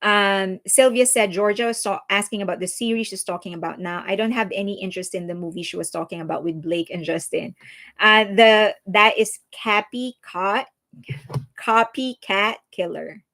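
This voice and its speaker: A Filipino woman with a Filipino accent hosts a casual livestream, answering viewer comments in a mid-range, slightly bright voice at moderate pace. She's chatty and earnest, with frequent restarts and fillers.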